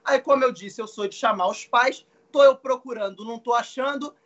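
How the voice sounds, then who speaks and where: Animated young man telling stories. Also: very high-pitched, brisk, highs cut off. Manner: animated, acts out quoted voices, swears. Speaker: guest, actor. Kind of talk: casual storytelling on a live show.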